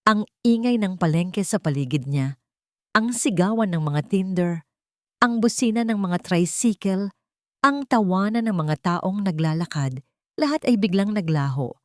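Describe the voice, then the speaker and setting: A Filipino-accented woman narrates a scripted Tagalog romance drama as a storyteller, emotive and suspenseful. Her mid-range voice is expressive and measured, recorded dry and clean in a studio.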